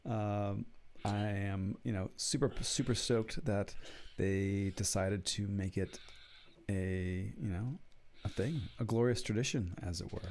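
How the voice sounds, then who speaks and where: A man's voice: on the low side, a little slow, darkish tone, a little hiss or hum. A man hosting a live-streamed podcast, jokey and rambling, with many restarts. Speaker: podcast host. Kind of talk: casual live-stream chat, reading a mock sponsor ad.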